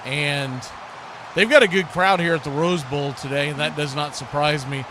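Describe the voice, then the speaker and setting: Crowd noise surrounds a man whose voice runs on the high side as he delivers casual, down-home play-by-play at a moderate pace. He hosts the livestream, chatting with viewers over a clearly noisy background.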